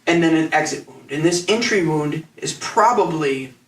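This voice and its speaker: A man narrating a tabletop game as game master, describing scenes in halting, rambling phrases with many restarts. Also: a little high, lively intonation, recorded from a distance. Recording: echoey room, off mic.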